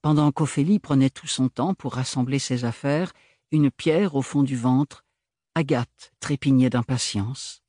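A man narrating a novel as an audiobook reader, in measured storytelling. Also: medium pitch, dark tone, no room sound, studio quality. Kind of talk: scripted narration.

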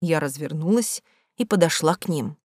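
A woman reading a first-person novel aloud with expressive, measured storytelling. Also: deep voice, no echo, studio quality. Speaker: audiobook narrator. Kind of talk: first-person audiobook narration.

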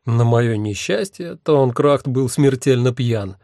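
A man narrates a first-person fantasy tale with a wry, even delivery. His voice sits in a middle register and sounds dry and close. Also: mid-range voice, slow pace, dry recording. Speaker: audiobook narrator.

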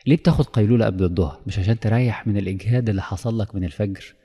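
Man, Egyptian accent, preacher, rapid delivery, warm dark tone, long reverb. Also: lowish voice, slightly rough. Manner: lively storytelling that acts out dialogues. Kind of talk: religious lesson.

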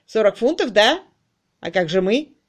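A woman voicing a brash, blustering male debt collector who speaks loudly and stretches his words. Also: mid-range voice, big pitch swings. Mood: indignant. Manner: loud, emphatic, drawn-out words.

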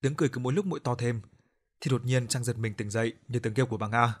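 Man narrating a horror audio story. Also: mid-range voice. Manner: measured, storytelling.

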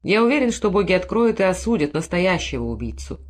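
A stern old high priest speaks low and cold, measured and commanding, as a woman reader puts him on. His words come out deliberate and hushed. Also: big pitch swings.

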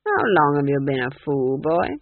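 A man's voice: a little high, very animated, normal speed, no room sound. A man voicing a cold, scheming middle-aged duke, clipped and dryly sarcastic, on tinny audio.

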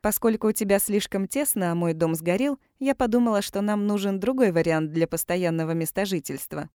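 A woman's voice: medium pitch, a little fast, dark tone, clean tone, no room sound, clean studio sound, natural voice. A woman reading a bold, teasing woman. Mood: cheerful. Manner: teasing, blunt. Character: bold, teasing woman, former army doctor.

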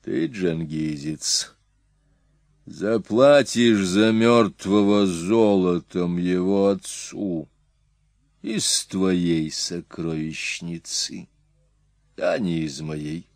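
A man voicing a stern Hun king in an audiobook, speaking slowly and gravely with an imperious manner. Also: low-pitched, darkish tone, no room sound, clean studio sound, heavily acted. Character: stern old Hun king, cold and commanding. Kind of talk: audiobook character voice.

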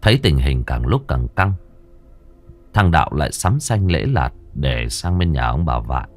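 A man narrating a village ghost story in a lively, dramatic way, acting out the characters as he goes. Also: rumbling low, unhurried.

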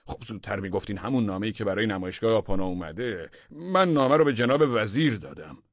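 A man voicing a fawning, flattering male deputy minister who talks in a raised, excited way. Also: on the low side, dry recording, dull audio.

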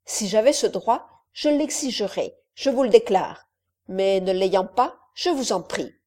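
A woman's voice: medium pitch, lively intonation, unhurried, mellow. A woman reading an audiobook, voicing a proud and curious nobleman who speaks eagerly and emphatically. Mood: bold, curious.

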